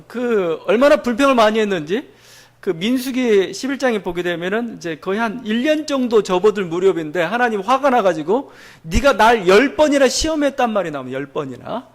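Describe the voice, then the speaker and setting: A man preaching a sermon as pastor, explaining a Bible passage in a conversational way with frequent fillers. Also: high-pitched.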